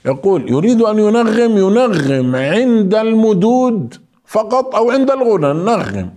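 A man teaching Quran recitation rules, explaining slowly and calling his listeners beloved ones. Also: sits high, sing-song, dark tone. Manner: explains slowly, then chants verses in a drawn-out melody. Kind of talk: recitation lesson with chanted examples.

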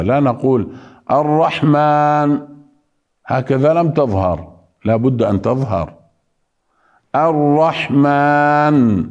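A man teaching Quran recitation rules, patiently repeating single sounds and words slowly so students can hear the difference, with chanted examples in between. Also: medium pitch, warm tone, dull audio. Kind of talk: tajweed lesson with recited examples.

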